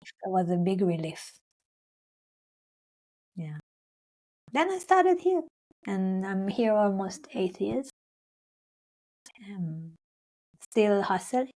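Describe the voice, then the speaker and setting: The audio is poor, and her mid-range voice swings widely in pitch, moving slowly with long pauses and a mellow tone. She's a young singer from Israel-Palestine, a native Hebrew speaker recounting her story in English in an interview. Her speech wanders with many fillers and restarts, and she dramatizes her own earlier words.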